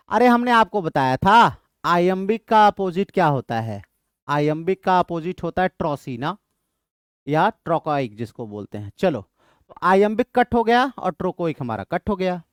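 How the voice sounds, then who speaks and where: Male teacher, Indian English accent, high animated voice, dry close sound, quizzes and answers himself. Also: clean tone, no echo. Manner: lively and repetitive, asks questions and answers them himself. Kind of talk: exam-prep lecture in Hindi and English.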